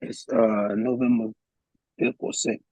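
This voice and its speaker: A husky, gravelly man talks as a guest on a live podcast, thinking aloud and restarting his sentences. His voice sits at a middle pitch. The audio is dry and a little muffled. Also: level tone, unhurried, warm tone, dry recording.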